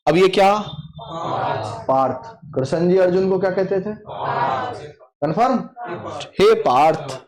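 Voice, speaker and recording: Crowd noise surrounds a man whose high-pitched voice is animated as he teaches Hindi for exam prep. He repeats questions and answers aloud to drill the students, explaining slowly and with emphasis.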